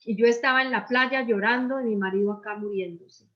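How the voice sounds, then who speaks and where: An older woman pastor preaches a conversational sermon full of personal stories and rhetorical questions, her slightly high voice moving fairly quickly. The sound is muffled and lo-fi.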